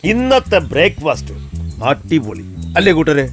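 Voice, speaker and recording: A man's voice: fairly high pitch, very animated, normal speed, over music. A man doing a bossy cartoon rooster. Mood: scolding. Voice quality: bossy, scolding. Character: bossy adult rooster, head of the flock.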